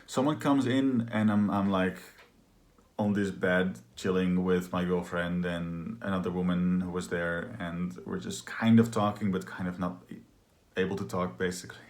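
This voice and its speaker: A man's voice: low-pitched, steady tone, normal speed. A man candidly telling a personal story in a rambling, casual way, full of filler words. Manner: candid and confessional. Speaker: trauma healing practitioner.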